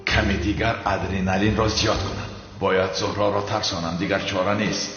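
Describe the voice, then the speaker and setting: A man's voice: low-pitched, flat delivery, close to an everyday voice. A man voicing a scheming young man who coaxes and teases his sweetheart in a comic dub. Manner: scheming, coaxing. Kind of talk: comic dubbed dialogue. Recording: echoey, dull dub with music.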